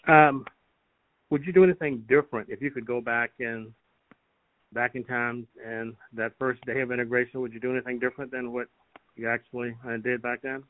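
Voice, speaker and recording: A man's voice: mid-range voice, fairly even intonation, brisk. An older man conducting an oral history interview, putting his questions tentatively with long hesitations. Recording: thin, phone-like, band-limited sound.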